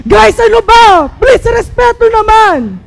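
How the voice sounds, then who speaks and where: A man voicing a flustered teenage girl class president who pleads and shouts for her classmates to be quiet. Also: extremely high pitch, very animated, takes it slowly, gravelly, some chatter behind, voice pushed up, full character voice. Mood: pleading.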